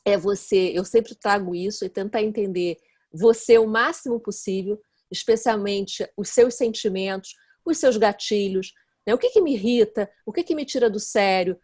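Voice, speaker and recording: A woman, a guest expert who explains her ideas earnestly in relaxed conversation and often checks in with her listener. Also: medium pitch, moderate pace. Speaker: guest expert in nonviolent communication.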